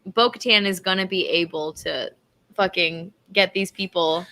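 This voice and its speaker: A woman's voice: fairly low pitch, moderate pace, sharp tone. A woman co-hosting a casual podcast who talks in a hesitant way, searching for words and swearing casually. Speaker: podcast co-host. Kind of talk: casual chat.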